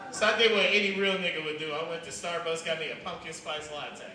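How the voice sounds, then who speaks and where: A high-pitched man works through a loose, rambling stand-up set, jumping into loud outbursts now and then. He sounds distant from the mic, and his voice rings through a very echoey club. Steady background noise sits under the whole recording. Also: fast talker. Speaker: stand-up comedian. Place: comedy club stage.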